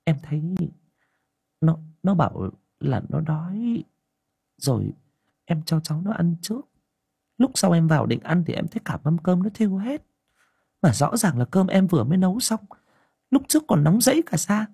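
A man voicing a worried younger village woman who talks in a hushed, confiding way. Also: fairly high pitch, very animated, vocal fry, slightly rough, dry recording, studio quality, voice pushed up, exaggerated voice. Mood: anxious. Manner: hushed, rushing whisper, anxious.

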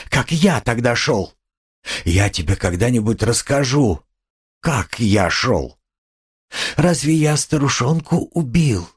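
A man's voice: mid-range voice, slightly rough, exaggerated voice. A man voicing a tormented, bitter young man who speaks in a brooding, irritable confession in an audiobook. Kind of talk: audiobook character reading.

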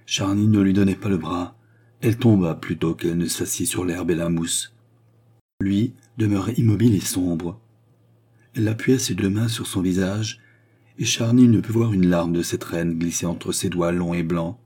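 A man narrating a classic novel as an audiobook in a measured, even storytelling manner. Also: sits low, breathy edge.

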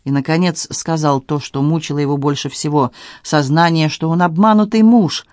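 A man reads a novel aloud in a measured, even storytelling voice that sits slightly high for a man. The recording is close and bone-dry, with no room sound. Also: dry recording. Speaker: audiobook narrator. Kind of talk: scripted narration.

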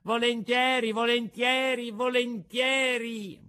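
A man voicing a mischievous, impulsive wooden boy puppet in a storybook reading, in a high, excitable, pleading voice. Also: a little slow. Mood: overjoyed.

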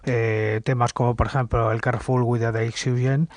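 A man chatting as a podcast panellist, halting and repeating words as he goes. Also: medium pitch, little pitch movement, no echo. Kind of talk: casual panel discussion.

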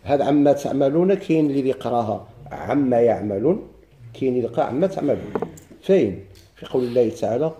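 A man with a Moroccan Arabic accent teaching a class on Quranic recitation, explaining step by step, chanting verses slowly and quizzing his students. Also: medium pitch, expressive, warm tone. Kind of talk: classroom lesson on Quranic readings.

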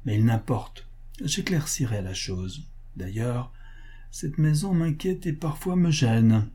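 A man reading the lines of a cold, ironic male financier with a curt, measured delivery. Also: medium pitch, animated, mellow, slightly rough. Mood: muttered aside.

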